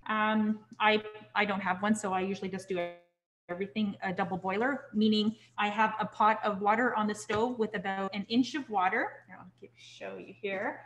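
A young woman teaching a cooking class in a kitchen, relaxed and chatty, checking in with "okay?" as she goes. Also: mid-range voice, normal speed. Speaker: cooking instructor. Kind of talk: live online cooking class.

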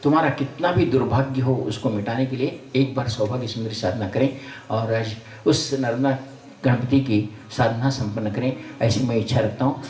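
A man's voice: mid-range voice, moderate pace, darkish tone. An older man, a spiritual teacher, giving a folksy sermon to a gathering, blessing and scolding by turns. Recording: roomy sound from far off the mic.

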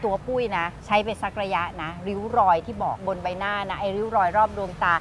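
A woman in her fifties, a show host, making a chatty and persuasive sales pitch that keeps repeating its key points. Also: a little fast, a bit bright, slight background noise. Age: 50s.

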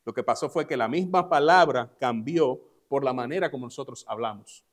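The pastor, a man with a mid-range voice, speaks a little fast as he gives an emphatic sermon in a church service. Spanish is his native language, and in this bilingual sermon he repeats each English line in Spanish, leaning on key words.

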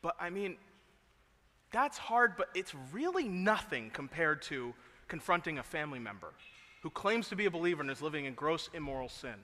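Male pastor, high-pitched, earnest, soft-to-loud sermon delivery. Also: sing-song, moderate pace. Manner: swings between quiet earnest talk and loud emphatic preaching. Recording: long hall reverb.

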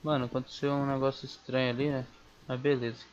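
Through a slightly dull, faintly noisy home recording, a man offers casual, jumpy let's-play commentary on a horror game, talking back to it in slang. His mid-range voice is flat in delivery and quick in pace.

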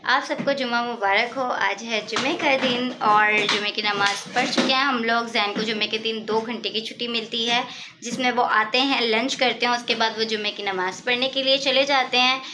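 In a home vlog recorded by a window, a young Pakistani mother chats casually and coaxes her toddler in a sing-song voice. Her pitch is fairly high and her intonation fairly even at a normal speed, with heavy background noise from loud music.

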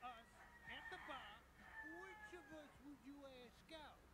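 A vain, petty talking alien door from a video game. The voice is high for a man, cocky and blunt, always ready to bicker, over game noise. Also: lively intonation, unhurried.

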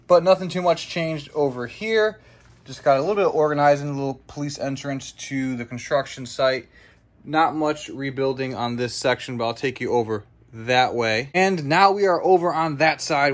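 A man's voice: mid-range voice, moderate pace. A young man hosting a casual, chatty walkthrough vlog, thinking aloud as he films his tabletop model city with a handheld phone indoors. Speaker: YouTuber showing his toy brick city.

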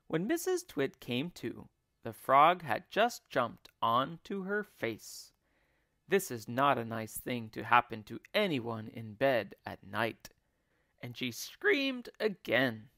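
A male English teacher reads a children's story aloud at a slow, careful pace. His pitch rises and falls in wide, lively swings. The voice is dry and close to the mic. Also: no echo. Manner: expressive, deliberate reading.

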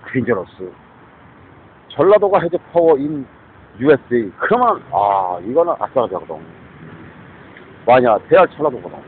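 A man's voice: mid-range voice, very animated, normal speed, pauses often. A man in his fifties talking in a rambling monologue, mixing English words into his speech and often adding tag questions. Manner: rambling, muttering asides. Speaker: street preacher livestreamer. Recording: tinny phone-like lo-fi audio with faint noise.

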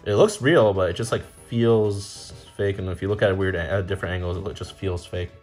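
A man's voice: low voice, fairly even intonation, a little fast, a little mellow, soft background music. A young man hosting his channel, casually rambling as he opens trading card packs, with fillers and restarts. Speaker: card-opening channel host. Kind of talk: casual unboxing commentary.

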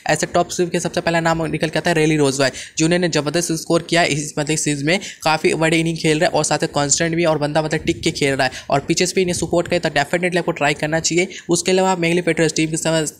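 Fast-talking young man with hurried delivery. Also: on the high side, fairly bright tone, a little hiss or hum. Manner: rapid, confident, addresses viewers as friends. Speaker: fantasy cricket prediction host. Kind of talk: fast casual commentary to viewers.

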